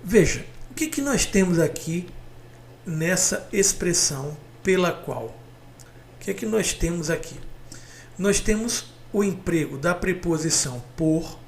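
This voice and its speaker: A man's voice: sits high, expressive, unhurried, slight background noise. A man with a Brazilian Portuguese accent teaching a grammar lesson on video, chatty and direct, calling out to viewers and pointing at examples. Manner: chatty, calls viewers "galera", points things out with "ó".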